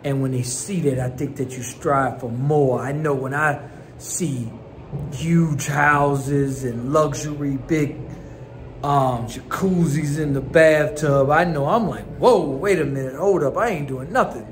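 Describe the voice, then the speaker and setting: A man's voice: fairly high pitch, measured pace, a little hiss or hum. A man in his forties with a Chicago accent, talking casually and slangily to a phone held at arm's length while touring houses and bars. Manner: laid-back, slangy street talk. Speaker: vlogger. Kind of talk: casual vlog tour. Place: various, car, bar and indoors.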